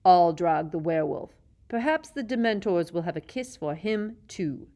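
A woman's voice: fairly low pitch, expressive, moderate pace, dark tone. A woman doing a sneering, bitter male schoolmaster. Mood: menacing. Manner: sneering, silky, rising to shrieks. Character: cold, bitter male potions teacher, middle-aged.

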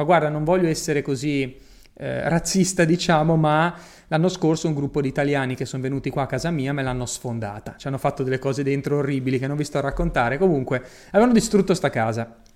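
Energetic Italian-speaking man coaching. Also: on the high side. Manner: energetic, emphatic, repeats key phrases. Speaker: digital business coach. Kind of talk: motivational talk to camera.

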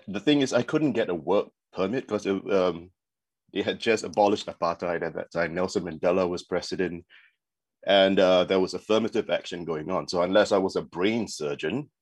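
This guest, a Singaporean advertising creative in his forties, has a low-pitched voice captured in a dry recording. Speaking remotely in an interview, he talks casually about his career, wandering off track with frequent fillers and restarts.

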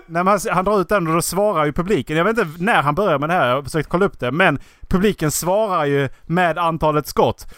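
A young man chatting with a friend, his voice high and bright, swinging widely in pitch. The sound is dry and close, and he laughs often between quick, shouted impressions. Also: no echo. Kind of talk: casual chat.

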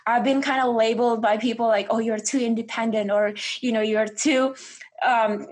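Earnest breathy woman from Indonesia. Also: fairly high pitch, steady tone, normal speed. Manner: earnest, with frequent restarts and fillers. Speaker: guest. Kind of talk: candid interview conversation.

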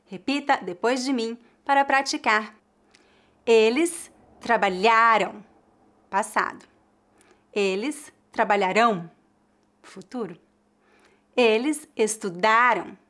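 A woman with a Brazilian accent teaching pronunciation, saying each model word twice slowly and clearly for learners to repeat. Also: sits high. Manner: slow, careful, clearly articulated model words. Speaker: Portuguese teacher. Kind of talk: pronunciation lesson, repeat-after-me drills.

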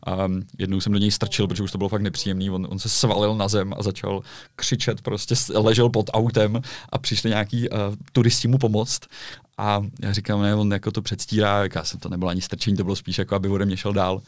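A man chatting casually as a guest, telling stories briskly. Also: fairly low pitch, level tone, no echo, studio quality. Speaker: guest, street video maker. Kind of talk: casual conversation.

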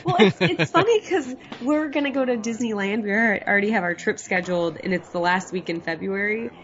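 A woman's voice: medium pitch, brisk. A woman with a nasal, congested voice from a cold, chatting casually as a podcast co-host and laughing often. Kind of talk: casual chat. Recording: dull lo-fi audio.

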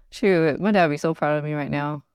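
A woman's voice: deep voice, moderate pace, darkish tone, clean tone, no room sound, clean studio sound. A woman hosting a business podcast, talking with a guest in an encouraging, coaching way. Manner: encouraging, coaching tone, fillers like "you know". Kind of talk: casual podcast interview.

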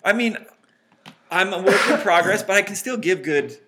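A married man co-hosting a casual podcast, agreeable and quick with short replies. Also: high voice, expressive, bright, forceful tone. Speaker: podcast co-host. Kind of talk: casual chat.

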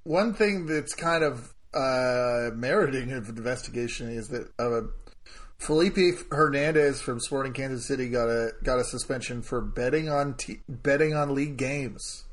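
A man's voice: mid-range voice, normal speed. A man co-hosting a casual soccer podcast, hesitant and searching for words with many fillers. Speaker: podcast co-host. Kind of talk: casual sports chat.

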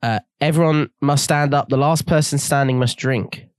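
A man's voice: mid-range voice, fairly even intonation, moderate pace, clean tone, no room sound, studio quality. A man co-hosting a podcast, joking and rambling in casual drunken chat. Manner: jokey, giggly, rambling. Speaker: podcast co-host. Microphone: studio mic.

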